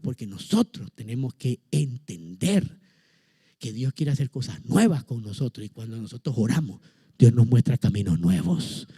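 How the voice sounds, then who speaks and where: A middle-aged man, preaching a lively sermon with humorous stories and fervent calls to prayer. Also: mid-range voice, no echo, clean studio sound. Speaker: pastor.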